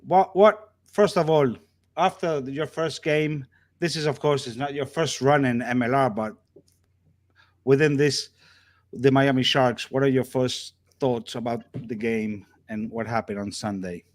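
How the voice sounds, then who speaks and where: A man's voice: mid-range voice, steady tone, measured pace. A man hosting a casual sports talk show, chatty and joking with his guests. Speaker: show host.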